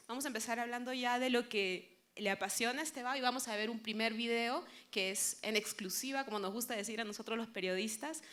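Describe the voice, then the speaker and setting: A woman's voice: fairly high pitch, a bit bright. A woman with a Peruvian accent, a journalist hosting a live interview on stage. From Peru.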